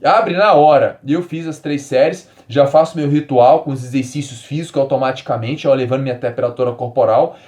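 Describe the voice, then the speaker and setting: A man in his forties from Brazil, hosting a solo health podcast and explaining ideas with emphatic repetition, then easing into calm, soft phrasing. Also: medium pitch, a little fast, few pauses. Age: 40s. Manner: animated, emphatic, repeats key words, drops to calm soft tones. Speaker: podcast host.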